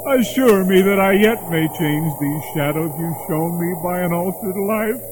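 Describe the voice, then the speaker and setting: Old miser turned giddy and joyful, played by a man. Very high, slow and drawn-out delivery. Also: background noise. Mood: pleading remorse. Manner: pleading, then overjoyed and breathless with laughter.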